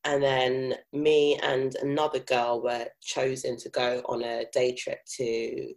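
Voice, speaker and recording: A woman's voice: very deep voice, flat delivery, takes it slowly, a little mellow, low-quality recording. A young adult woman with a mild South London accent, chatting candidly and informally as she tells personal stories in an interview. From South London, England. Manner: informal, frequent swearing and filler "like". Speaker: interview guest. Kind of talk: candid casual chat, telling personal stories.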